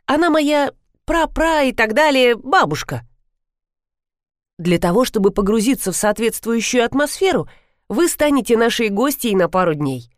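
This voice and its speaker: A woman's voice: a little high, big pitch swings, moderate pace, dry recording, studio quality, pitched above the performer's own voice. A woman reading an audiobook, voicing a composed, firm and polite grown man. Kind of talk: audiobook character voice.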